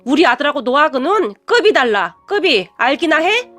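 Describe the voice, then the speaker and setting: A woman voicing a furious, snobbish middle-aged mother who shouts with contempt. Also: high-pitched, animated, a little fast, faint music behind. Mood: angry, scornful.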